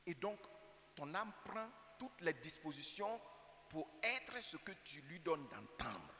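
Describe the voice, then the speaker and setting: A man's voice: fairly high pitch, big pitch swings, slow, sharp tone. A man with an Ivorian French accent preaching a sermon as pastor, emphatic and full of rhetorical questions to the congregation. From Côte d'Ivoire. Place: church sanctuary. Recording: church hall reverb with faint hum.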